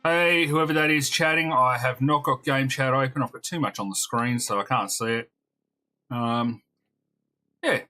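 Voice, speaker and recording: A man with a hoarse, fading voice, chatting casually on a game live stream and greeting viewers as he plays. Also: mid-range voice, normal speed, pushed and bright. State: hoarse, losing his voice.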